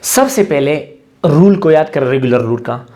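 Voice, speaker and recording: A man's voice: fairly high pitch, lively intonation, normal speed, warm tone. A man teaching English grammar in a classroom-style lecture, asking questions and answering them himself, slipping into English phrases.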